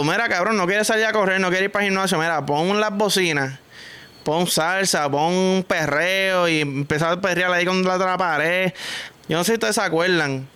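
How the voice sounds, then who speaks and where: A man's voice: fairly high pitch, fairly bright tone, clean tone. A man with a Puerto Rican accent hosting a vlog, delivering a crude, joking rant packed with slang. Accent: Puerto Rican Spanish. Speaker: vlogger host. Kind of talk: casual comic monologue vlog.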